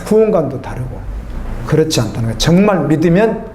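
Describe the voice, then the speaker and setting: A man's voice: a little high, big pitch swings, a little fast, echoey room, background noise. A middle-aged man preaching a sermon as a pastor, talking conversationally and putting questions to the congregation. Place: church.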